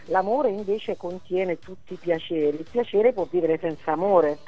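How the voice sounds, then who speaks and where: A hoarse woman comedian talking by phone on a radio show, chatty and joking. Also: lowish voice, moderate pace, muffled recording, faint music behind. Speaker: comedian guest.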